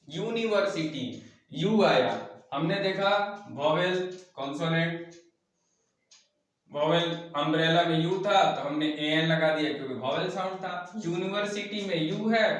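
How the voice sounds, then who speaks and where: A man's voice: sits high, a bit bright. A man teaching a grammar lesson, asking questions and answering them himself and spelling words out letter by letter. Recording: echoey room from far off.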